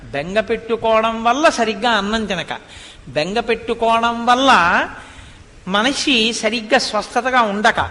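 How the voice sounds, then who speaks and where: With a very high-pitched, pushed and bright voice, a religious discourse speaker relates a devotional story with expression. Along the way he asks rhetorical questions and recites verses in Sanskrit. The hall gives a long reverb.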